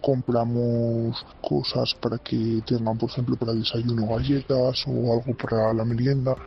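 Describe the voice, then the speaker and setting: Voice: medium pitch, little pitch movement, moderate pace, gravelly. Distorted, disguised voice of an anonymous worker. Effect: electronically distorted voice to hide identity. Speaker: care worker at a youth care home. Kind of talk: anonymous testimony in a news report. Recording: muffled lo-fi clip with faint background noise.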